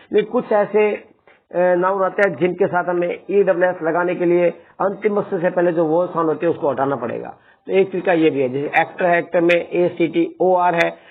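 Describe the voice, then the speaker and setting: A man with a fairly high voice teaches English grammar in a steady classroom lesson. He talks to his students as children and keeps adding a checking tag after the words. The sound is thin and phone-like.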